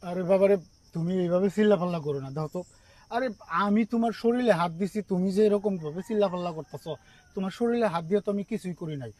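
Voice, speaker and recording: A man's voice: high-pitched, quick pace, darkish tone, dry recording. A man, defensively pleading and stammering in a comedy sketch. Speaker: comedy skit performer. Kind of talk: scripted comedy sketch argument.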